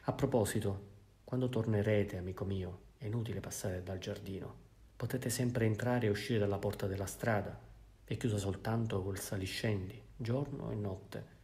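A man reading the part of an elderly bishop, speaking calmly and kindly. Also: on the low side, moderate pace, lightly acted. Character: elderly male bishop, gentle and serene.

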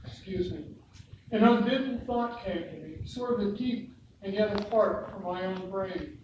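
Unhurried and a little mellow, the medium-pitched voice of an older American-accented speaker from Lebanon, Oregon, a long-time resident, reads written reminiscences at a local history talk. The lo-fi sound comes from a distant camera in a hard-walled meeting room, very echoey and noisy.

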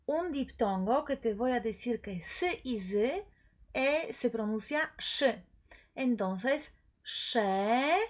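A woman teaching pronunciation, repeating each word slowly and coaxing the listener to say it back. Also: a little high, expressive. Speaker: language teacher. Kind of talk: slow pronunciation lesson. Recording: dull lo-fi recording.

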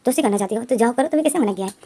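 A sulky teenage schoolboy, played by a woman, dry and quick with his replies. The voice stays fast and mellow, the way a storyteller reads out a boy's lines. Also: a little high, animated. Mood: bantering. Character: teenage schoolboy ruled by his strict older brother.

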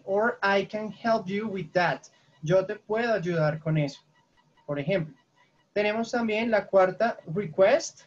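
Brief: woman teacher on an online call, patient, keeps checking in, lo-fi audio. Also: lowish voice. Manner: patient, checks often for questions. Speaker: English teacher. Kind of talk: online class, explaining grammar. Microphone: video call.

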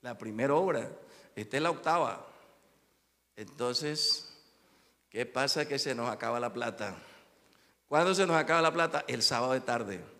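A man preaching as a bishop, telling a personal story and often calling out to his listeners, moving from quiet asides to loud exclamations. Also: mid-range voice, lively intonation, moderate pace, pauses often, big-room sound. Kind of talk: sermon with personal testimony.

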